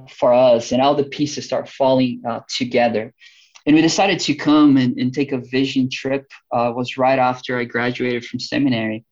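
A Brazilian missionary in his thirties, a native Portuguese speaker with a Brazilian accent, talks eagerly as a podcast interview guest, restarting often. His medium-pitched voice has a darkish tone, and the audio sounds dull.

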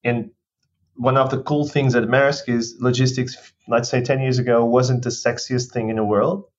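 A man's voice: medium pitch, little pitch movement, normal speed. A man in his thirties from Portugal, a guest executive talking through his career in a podcast interview, thoughtful and given to restarts. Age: 30s. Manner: thoughtful, with restarts and non-native phrasing. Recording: dull lo-fi sound.

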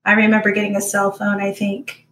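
A woman in her forties from Orange County, co-hosting a podcast, telling stories in a halting, reflective casual chat. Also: mid-range voice, monotone, fairly bright tone, slight background noise. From Orange County, California. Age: 40s. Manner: reflective storytelling, halting with fillers. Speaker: podcast co-host. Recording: roomy echo.

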